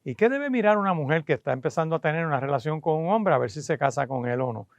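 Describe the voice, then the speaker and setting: A man's voice: a little high, lively intonation, quick pace, gravelly, no echo. A man, a pastor preaching on the radio, teaching earnestly and addressing listeners directly, with frequent "eh" fillers. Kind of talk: radio sermon.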